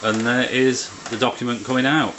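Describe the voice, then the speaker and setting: A man's voice: medium pitch, little pitch movement, moderate pace, background noise. A man presenting an informal how-to video, explaining hands-on work in a plain-spoken, step-by-step way. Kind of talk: informal hands-on tutorial narration. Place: indoors beside a printer.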